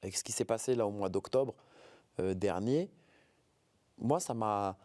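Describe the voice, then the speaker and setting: A man's voice: lowish voice, a little slow, mellow. A man in his forties from the Paris suburbs, speaking earnestly as an interview guest, often hesitating and repeating words. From France, Paris suburbs. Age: 40s.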